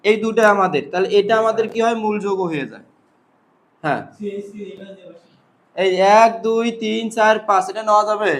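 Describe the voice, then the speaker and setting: A man with a high voice teaches a chemistry class, firing short questions at the students and repeating every answer back in a drill. A faint hiss of room noise sits under his voice. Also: normal speed, long pauses. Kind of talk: classroom lecture with call-and-response questions.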